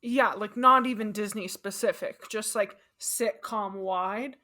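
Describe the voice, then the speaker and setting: A woman's voice: mid-range voice, unhurried, sharp tone. Easygoing young woman cohost. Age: young adult. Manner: agreeable, short replies, easy laughs. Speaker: podcast co-host. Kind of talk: casual chat.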